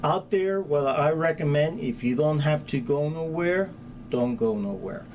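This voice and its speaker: A middle-aged man with a Spanish accent, the county's hazardous materials chief, gives plain, practical answers in an informal interview. His voice is a little high and unhurried, with clear, steady ambient noise in the background.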